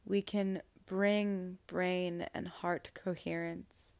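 A woman guiding a meditation in a slow, soft, soothing voice with long pauses. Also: fairly low pitch, little pitch movement, vocal fry, no room sound. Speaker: meditation guide. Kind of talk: guided meditation.

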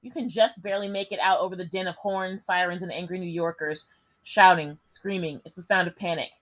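Young woman host, lively reader with foul-mouthed asides. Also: lowish voice, fairly quick, poor audio. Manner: lively, swears and jokes between passages. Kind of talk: reading a gamebook aloud.

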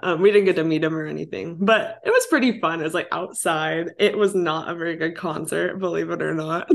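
A woman's voice: sits low, fairly quick, vocal fry. A young woman in her twenties hosting a casual podcast chat, giggling often and saying "like" constantly. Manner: giggly, says "like" a lot. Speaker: podcast host.

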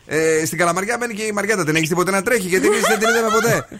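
A man's voice: high-pitched, bright, forceful tone, a little hiss or hum. A man hosting a radio call-in show in the studio, teasing callers playfully and slipping into bits of song. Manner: playful and teasing, breaks into snatches of singing. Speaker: radio host. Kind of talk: lively radio call-in chat.

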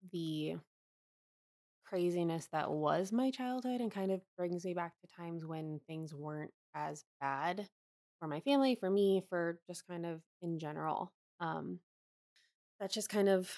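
A woman's voice: lowish voice, vocal fry, no room sound, clean studio sound. A young woman from Pennsylvania, a podcast co-host, chatting reflectively and rambling a little with fillers. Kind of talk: casual personal chat.

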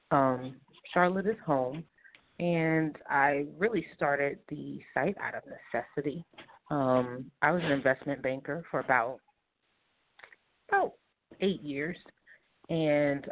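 A woman guest on a sports talk show, answering the host's questions at a steady, measured pace with the odd "um". Her voice comes through a thin, phone-like line. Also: rumbling low. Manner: measured, uses fillers like um. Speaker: guest, sports site founder. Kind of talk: interview answers. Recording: phone-quality audio.

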